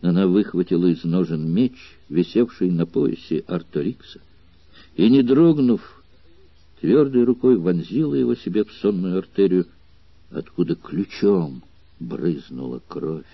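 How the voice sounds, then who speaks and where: A man's voice: low voice, a little slow, creaky, slightly rough, dry recording, lo-fi sound. Man reading a dramatic novel aloud. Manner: steady, dramatic literary reading. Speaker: audiobook reader. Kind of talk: scripted narration.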